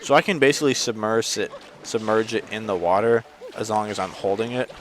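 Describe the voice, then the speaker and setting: Chatty man with sudden loud outbursts. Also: on the low side, brisk, a little hiss or hum. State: hiccups. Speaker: let's play host. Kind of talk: casual gameplay commentary.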